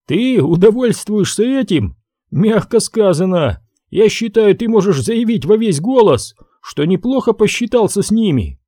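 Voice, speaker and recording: A man's voice: high voice, sing-song, a little slow, mellow, husky, dry recording, clean studio sound, pitched above the performer's own voice, exaggerated voice. A man reading an audiobook, voicing a teasing, amused criminal. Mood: mocking. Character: amused male gangster, mocking.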